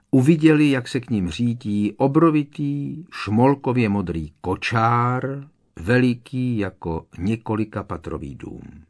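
Male audiobook narrator, low voice, measured and expressive delivery. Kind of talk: scripted narration.

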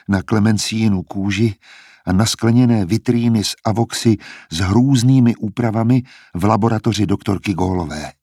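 Low husky male audiobook narrator. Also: no echo, studio quality. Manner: calm, measured storytelling. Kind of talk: scripted narration.

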